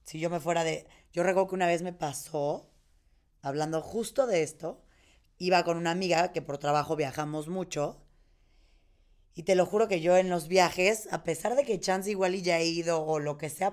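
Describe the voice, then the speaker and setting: A woman's voice: lowish voice, normal speed, a little mellow. A woman with a Mexican accent, hosting a casual talk and chatting freely with personal anecdotes. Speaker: host. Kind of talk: casual conversation.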